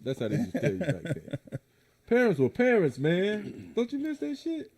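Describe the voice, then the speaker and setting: Lively-voiced profane storytelling man. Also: high-pitched, normal speed, vocal fry, slightly rough. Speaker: podcast host. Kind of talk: casual banter.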